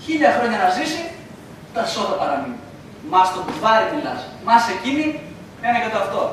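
A man's voice: sits high, wildly swooping pitch, slight background noise. A young man acting a defiant, impatient son in a school stage play, urgent in his arguing, recorded from far off on an echoey stage. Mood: agitated. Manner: urgent, rising to outbursts. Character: hot-headed grown son, impatient and defiant. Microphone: distant camera mic.

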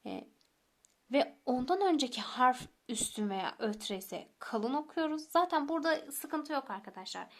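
Female teacher, young adult, fairly high pitch; patient, repetitive lesson delivery. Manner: patient, repeats rules step by step, addresses listeners as friends; slows down to recite example words. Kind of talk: recorded tajweed lesson.

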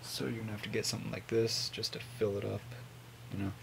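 A man in his twenties giving a casual, mumbled, sweary product review on a low-volume webcam recording. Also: level tone, fast, vocal fry, background noise. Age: 20s. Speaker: vape reviewer. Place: small home room with hanging clothes.

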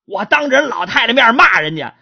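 A woman storyteller voicing a hot-tempered young husband who blusters and pleads, with a husky voice. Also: fairly high pitch, sing-song, fairly quick, lo-fi sound, pitched above the performer's own voice, exaggerated voice. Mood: flustered.

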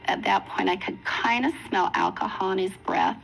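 A woman in her sixties speaks in a documentary interview, her mid-pitched voice carrying a gravelly edge. She recounts her own story earnestly and reflectively, pausing and restarting as she goes. Soft music plays faintly behind her. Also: poor audio.

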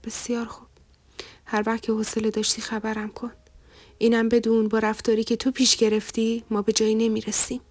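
A woman voicing a patient, hurt young husband who asks gentle questions. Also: a little high, monotone, dry recording, natural voice.

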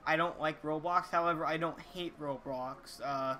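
A fourteen-year-old boy vlogging casually to viewers, talking in an earnest, halting way with repeated words. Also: a little high, fairly even intonation, bright, forceful tone, slight background noise. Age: teenager, 14. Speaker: YouTuber reading viewer comments. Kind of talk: casual chat to camera. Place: small indoor room, gaming chair.

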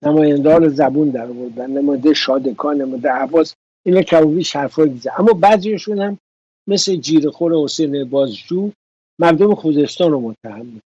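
A man's voice: on the high side, dark tone, breathy edge, dry recording, highs cut off. Indignant male political commentator. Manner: indignant, sarcastic, emphatic. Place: TV studio.

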